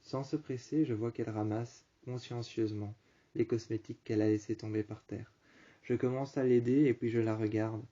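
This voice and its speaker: A man telling a first-person story, halting and often repeating and rephrasing his phrases. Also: mid-range voice, fairly even intonation, warm tone. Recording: dull lo-fi recording.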